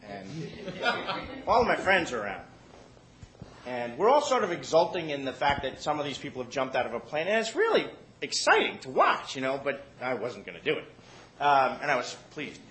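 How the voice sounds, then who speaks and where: A man's voice: medium pitch, wildly swooping pitch, normal speed, a bit bright, reverberant, low-quality recording. A man telling a comic story to a live audience, profane and self-mocking, often laughing while he talks.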